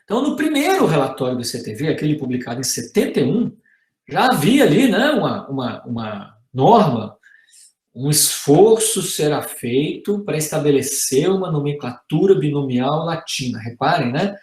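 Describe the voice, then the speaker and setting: A man's voice: a little high, sing-song, moderate pace, a little mellow, echoey room. A middle-aged man with a Brazilian Portuguese accent giving a university lecture as a guest professor, explaining step by step and ending many sentences with "né?" or "tá?".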